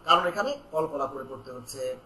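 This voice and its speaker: A man teaching Quran pronunciation in an online lesson, calling out syllables loudly for students to repeat and explaining slowly in between. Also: medium pitch, roomy sound, a little hiss or hum, poor audio. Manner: slow, explaining calmly between drills.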